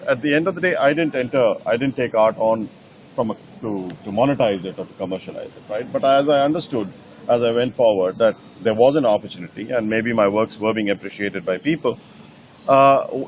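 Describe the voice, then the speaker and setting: A middle-aged painter from Nepal, answering interview questions in a thoughtful way, with many fillers and restarts. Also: male voice, medium pitch, dull audio, slight background noise. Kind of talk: conversational interview.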